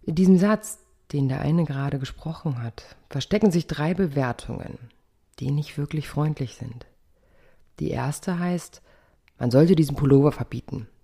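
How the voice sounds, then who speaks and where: Calm coach talking thru a podcast, kinda gravelly low-key voice, lots of questions at the listener. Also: unhurried. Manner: calm, thoughtful, asks listeners rhetorical questions. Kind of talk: reflective podcast monologue.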